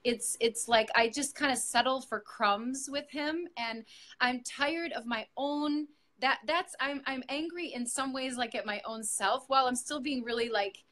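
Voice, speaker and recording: A woman's voice: high voice, measured pace, fairly bright tone. A middle-aged woman, a yoga teacher, speaking earnestly and reflectively in an interview, with frequent fillers and restarts. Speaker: yoga teacher sharing her story with her coach. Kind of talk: heartfelt interview testimonial.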